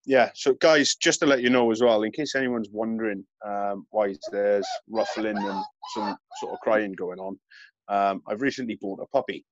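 A man's voice: on the low side, moderate pace, dry recording, muffled recording. A man co-hosting a podcast from his home workshop, chatting casually, calling his co-host "mate" and often restarting his sentences. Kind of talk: casual chat.

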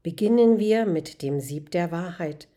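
A calm old male philosopher who questions patiently, as a woman reads him aloud. He speaks in a measured way with a soft, mellow tone. He sounds like a figure from a gentle storybook. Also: high-pitched. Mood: probing.

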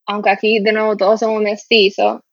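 Una mujer latinoamericana que habla de forma sincera y reflexiva en una conversación informal, con muchas muletillas. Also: female voice, mid-range voice, monotone, brisk, creaky, highs cut off. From Latin America. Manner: candid, reflective, frequent fillers. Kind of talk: casual conversation.

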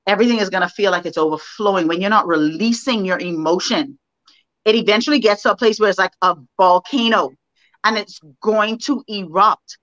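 A woman co-hosting a podcast, talking in a casual, animated way and asking her co-host for her thoughts. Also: medium pitch, brisk, no room sound. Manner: animated, conversational, asks her co-host questions. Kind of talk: casual discussion. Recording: dull lo-fi sound.

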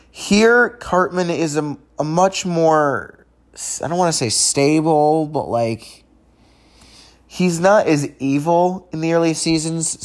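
Rambling, stammering male podcaster. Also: on the high side. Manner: rambling, conversational, with frequent restarts and stammers. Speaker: podcast host. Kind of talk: casual unedited podcast review.

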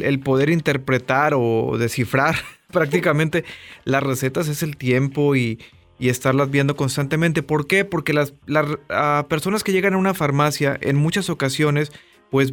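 A man, a radio co-host calmly explaining something at length. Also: mid-range voice, vocal fry. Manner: measured, explanatory.

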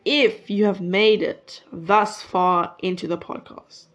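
With a medium-pitched voice, slow pace and fairly even intonation, a nineteen-year-old woman rambles casually on the podcast she hosts alone. She keeps interrupting her own sentences, recording through a phone-connected mic.

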